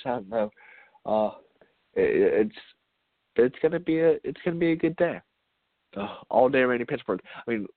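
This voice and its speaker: A man's voice: mid-range voice, dry recording. A man hosting a baseball podcast in a casual, rambling way, a little congested and stumbling over his words. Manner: rambling, repeats words, chuckles. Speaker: podcast host. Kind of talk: casual solo podcast sign-off. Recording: dry, tinny phone-like sound.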